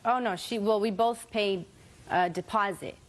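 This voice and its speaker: A woman's voice: mid-range voice, unhurried. A woman plaintiff in a television court, giving brief, hesitant answers to questions.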